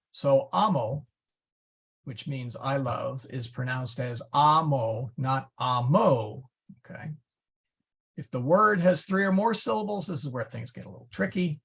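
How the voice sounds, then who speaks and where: A man lectures at an unhurried pace in a casual classroom manner, pausing to correct himself as he explains. His voice has a gravelly edge and a husky grain. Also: mid-range voice. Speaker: Latin teacher. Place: church classroom.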